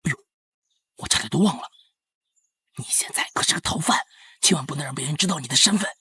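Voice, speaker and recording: A man's voice: a little high, expressive, fast, sharp tone, breathy edge, dry recording, exaggerated voice. An actor playing a goofy young male house guard who is eager and bumbling and laughs nervously. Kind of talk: TV drama acting.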